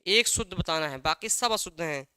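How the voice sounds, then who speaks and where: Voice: mid-range voice, expressive, brisk, pushed and bright, clean tone, no echo, studio quality. A teacher giving an exam-prep language lesson, asking a question and then answering it, repeating key words again and again.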